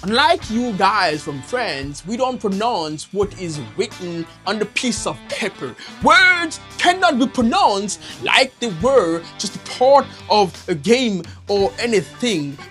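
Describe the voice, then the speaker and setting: Brief: performer as a preachy professor character, very slow, deliberate lecturing delivery. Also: medium pitch, big pitch swings, a bit bright, soft background music. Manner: slow, lecturing, addresses listeners as "you guys". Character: professor lecturing the French on English. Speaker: English teacher character.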